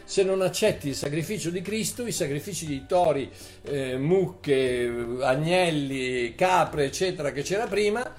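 Emphatic preacher, slightly high voice. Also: male voice, a little slow, soft background music. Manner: animated, rising emphatic bursts and repetitions. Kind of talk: sermon.

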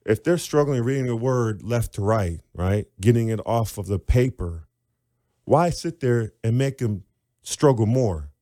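An author and reading teacher explains his method during an interview, sounding out syllables aloud in an animated way. His voice is medium-pitched and a little slow, captured with studio quality and no echo.

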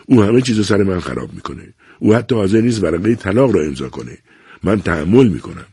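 A man's voice: sits low, sing-song, gravelly, warm tone, slightly rough, dry recording, studio quality, exaggerated voice. A man reading a novel aloud, voicing a middle-aged son who pleads emotionally and self-pityingly with his father. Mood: pleading.

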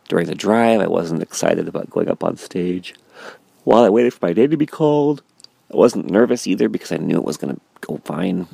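A man with a very deep, heavily gravelly voice that has a husky edge talks in a loose, rambling way, full of fillers and restarts. He sounds sleepy and early-morning, a comedian thinking out loud to his viewers. The sound is dry and close, with no room around it. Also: no room sound. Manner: rambling, self-reflective, frequent fillers and restarts. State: sleepy, yawning. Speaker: stand-up comedian. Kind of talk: casual vlog monologue.

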